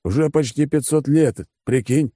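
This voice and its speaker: A man's voice: medium pitch, moderate pace, dark tone, breathy edge, no room sound, studio quality, voice pushed up, natural voice. A man voicing a laid-back male ninja friend who teases in a casual way. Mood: teasing. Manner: teasing, casual.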